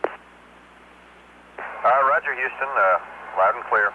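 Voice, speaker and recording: An astronaut on an orbiting spacecraft talking to ground control in a relaxed, hesitant way with frequent fillers. His voice fades in through static over a space radio link. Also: medium pitch, slow, phone-quality sound. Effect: voice fading in through static over a space radio link. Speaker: astronaut aboard the orbiting shuttle. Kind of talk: air-to-ground radio exchange and number readback.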